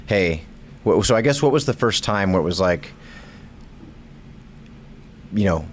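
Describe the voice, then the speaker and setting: A man's voice: sits low, animated, measured pace, a little hiss or hum. A man hosting a casual podcast interview, asking loose follow-up questions and nodding along with short replies. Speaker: podcast host.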